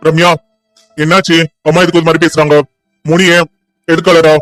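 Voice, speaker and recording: Woman putting on a chill young guy voice for a cartoon story, flat low tone, quick talker. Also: no echo, soft background music, natural voice, low-quality recording. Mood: easygoing. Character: young adult man, grown son, calm and easygoing.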